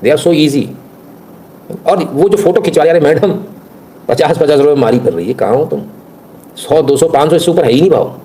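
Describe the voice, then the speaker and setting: Scornful, slightly high-pitched male commentator. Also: lively intonation, normal speed, pauses often, mellow, slight background noise. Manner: scornful, blunt ranting with mocking asides. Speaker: commentator reacting to viral videos. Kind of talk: reaction commentary.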